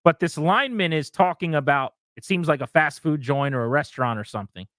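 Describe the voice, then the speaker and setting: A man's voice: a little high, a little fast, a bit bright, no room sound. A man hosting sports talk radio, giving opinionated commentary and talking straight to his listeners from a studio.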